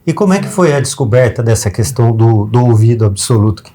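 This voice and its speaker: A Brazilian woman with a Brazilian Portuguese accent hosting an interview, encouraging her guest with quick affirmations. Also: very deep voice, animated, dark tone. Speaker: host. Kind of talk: casual interview chat.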